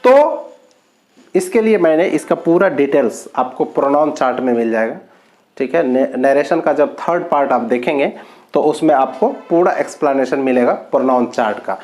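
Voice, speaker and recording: Guy doing a grammar class, slow and repetitive, stretches his words. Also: medium pitch, darkish tone. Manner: explains slowly, repeats points, drawn-out words. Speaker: English grammar teacher. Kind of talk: online grammar lesson.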